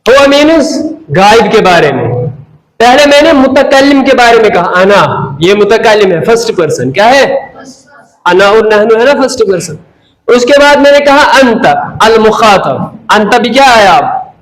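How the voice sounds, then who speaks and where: A man's voice: high voice, animated, measured pace, echoey room, rough recording. A man teaching Arabic grammar in a classroom lesson, who keeps asking and answering his own questions and repeating key terms. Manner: mixes Hindi-Urdu with English terms.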